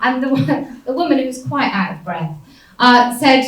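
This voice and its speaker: A woman's voice: sits high, animated, moderate pace. A woman speaking on a panel, telling a story in a wry, defiant way and laughing often. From United Kingdom. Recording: echoey hall from far off.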